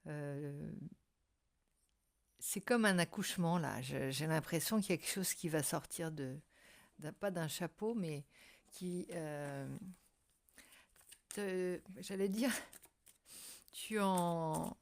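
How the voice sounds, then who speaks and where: Woman, slightly low pitch, casual tarot host, hesitant delivery, searching for words. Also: slow, long pauses. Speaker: tarot reader and channel host. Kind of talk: casual tarot card reading to viewers.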